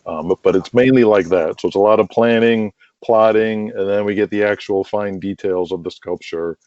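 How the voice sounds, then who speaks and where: On a dull, lo-fi call with a roomy echo, a man with a lowish, slightly mellow voice talks at a normal pace. He's the writer of a wrestling audio drama, guesting on a casual interview and rambling at length about his work, dropping "you know" and "like" constantly.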